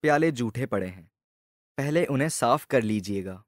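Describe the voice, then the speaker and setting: A man voicing a calm, smiling long-faced village man in a storybook tale, explaining things patiently. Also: medium pitch, normal speed, no echo, studio quality, natural voice. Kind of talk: storybook voice acting.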